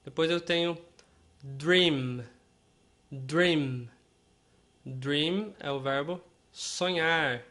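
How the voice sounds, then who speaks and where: A male English teacher with Portuguese as his first language, talking through a lesson at an unhurried, careful pace. His voice sits a bit high for a man, and he repeats each example word so that learners can follow. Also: bright, forceful tone. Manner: slow and deliberate, repeating and spelling out words for learners.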